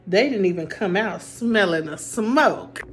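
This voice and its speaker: A young woman tells a Bible story in a loose, conversational way, leaning on slang and lively emphasis. Her pitch is middling. Soft music plays faintly behind her. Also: measured pace. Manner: chatty, colloquial, animated emphasis. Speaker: vlog host retelling a Bible story. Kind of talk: casual storytelling while doing makeup.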